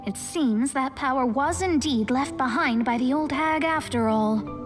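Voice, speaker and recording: A woman's voice: high-pitched, a little slow, music in the background. A woman voicing a proud, indignant young woman astrologer in a video game.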